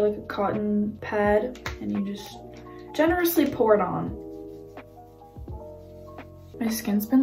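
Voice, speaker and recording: A woman's voice: medium pitch, distant mic. A young woman vlogging casually to camera in an informal, youthful way, indoors in an apartment. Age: young adult. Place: sparsely furnished apartment room, indoors. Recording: echoey room, away from mic, music behind.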